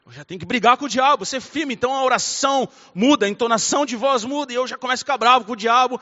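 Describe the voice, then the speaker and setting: A man preaching a fervent sermon, swinging between soft, intimate passages and loud, fiery ones. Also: very high-pitched, rapid-fire. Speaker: pastor. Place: church hall. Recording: dull recording in a reverberant hall.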